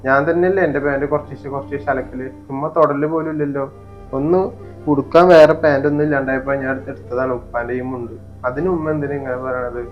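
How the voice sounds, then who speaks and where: A man's voice: mid-range voice, muffled recording, soft background music, natural voice. A young man playing a hurt, patient stepson. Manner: hurt, pleading, quick and flat. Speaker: elder stepson in a family skit. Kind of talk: amateur family short film acting.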